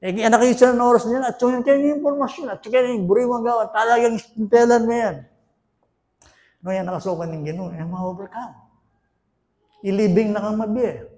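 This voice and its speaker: A man with a Filipino accent preaches a sermon, his voice pitched high. He moves between loud, pressing questions and hushed lines, slipping English phrases into his talk. The sound is roomy, with the echo of a church hall. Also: moderate pace. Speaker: pastor. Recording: echoey room.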